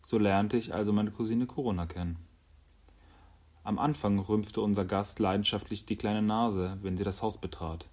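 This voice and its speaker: A man reading a first-person story aloud in calm, even narration. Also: lowish voice, normal speed. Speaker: audiobook narrator.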